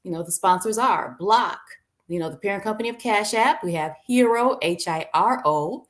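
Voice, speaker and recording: A woman's voice: medium pitch, moderate pace. A woman hosting a conference stream, announcing sponsors and hashtags with casual filler phrases. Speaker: event host.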